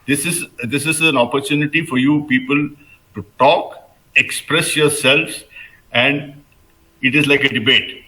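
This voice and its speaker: A man with an Indian accent leading a class debate, deliberately questioning and probing his students. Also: medium pitch, steady tone, pushed and bright. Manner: deliberate, probing, repeats answers back. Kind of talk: interactive lesson, questioning students. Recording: echoey room sound.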